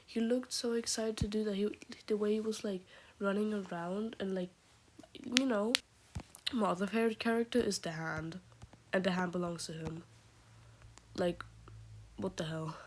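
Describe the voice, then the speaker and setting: A woman who is sick and keeps her voice quiet, rambling and gushing about favorite characters in a casual vlog, often dropping into a half-whisper. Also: mid-range voice, steady tone, moderate pace, long pauses, a little hiss or hum. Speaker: vlogger. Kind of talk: casual fandom chat.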